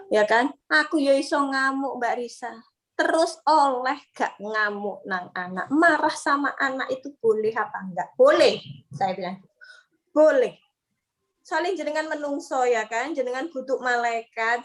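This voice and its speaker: Young woman, high-pitched, lively seminar speaker. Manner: lively, mixes casual Javanese into talk, acts out quoted parents and children. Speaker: parenting speaker. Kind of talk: parenting seminar talk.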